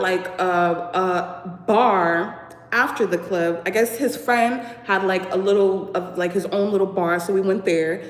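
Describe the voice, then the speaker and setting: A young woman from Boston telling a casual storytime, chatty and animated with lots of fillers. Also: mid-range voice, echoey room, long reverb tail. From Boston, USA. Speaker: vlogger.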